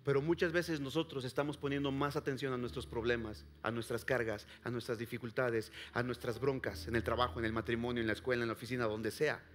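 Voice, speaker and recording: A man preaching a sermon to a congregation, swinging from loud calls to hushed near-whispers and asking the listeners direct questions. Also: mid-range voice, flat delivery, fast, hardly any pauses, slight background noise. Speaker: pastor. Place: church service before a congregation.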